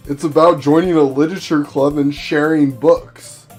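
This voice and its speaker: A man's voice: fairly high pitch, fairly even intonation, normal speed, darkish tone, faint music behind. A man co-hosting a game stream, teasing his partner playfully and laughing often. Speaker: co-host playing the game. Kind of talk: casual gaming stream chat.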